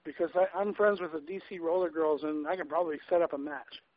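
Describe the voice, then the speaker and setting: A man's voice: fairly high pitch, quick pace, no room sound. Tipsy rambling male caller on lo-fi line. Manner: rambling, stammering, swearing. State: drunk. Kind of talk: casual call-in chat. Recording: dull lo-fi phone call audio.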